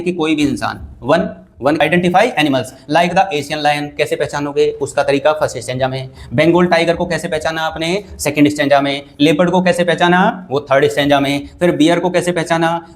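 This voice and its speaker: A man with a fairly high voice and an Indian accent teaches an exam revision lesson. He asks a question, answers it himself, and reads each English line slowly before he explains it.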